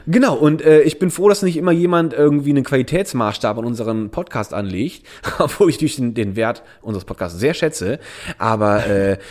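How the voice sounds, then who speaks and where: A man's voice: medium pitch, expressive, a little fast, darkish tone. A man from Germany co-hosting a casual podcast chat, rambling with many restarts and frequent laughs. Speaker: podcast co-host.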